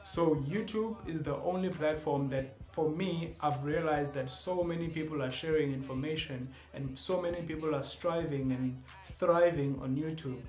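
A young South African-accented man, a YouTuber, playfully introduces himself on his channel with joking asides and bits in other languages. His voice is a little high and a little mellow. The camera records him at close range in a small shelved room that sounds echoey.

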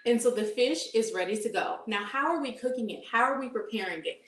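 A woman's voice: fairly high pitch, expressive, brisk, noisy background. A woman in her thirties, a dietitian, giving an upbeat live cooking demonstration in a home kitchen and asking her audience questions. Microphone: camera at medium distance. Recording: echoey kitchen room sound.

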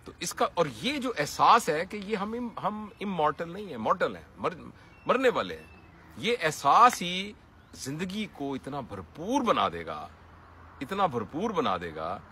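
A man's voice: medium pitch, pushed and bright, slight background noise. A man giving an earnest motivational talk in a preaching manner, rising to emphatic peaks. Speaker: motivational speaker.

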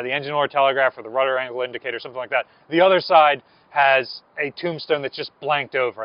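On the open deck of a ship, an American museum presenter in his thirties gives a relaxed explainer to camera in a mid-range voice. The recording from his clip-on lapel mic has no echo, but the highs are cut off.

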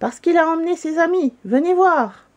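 A woman's voice: medium pitch, very animated, normal speed, warm tone, breathy edge, dull audio, heavily acted. A woman voicing a tall, doubtful Father Christmas in a storybook reading, speaking in exclamations.

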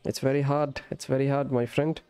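In a warm, medium-pitched voice that stays fairly flat and moves along quickly, a man chats in a friendly way during a live game stream. He calls viewers friend and brother and switches between Urdu and English, with background music in his indoor setup.

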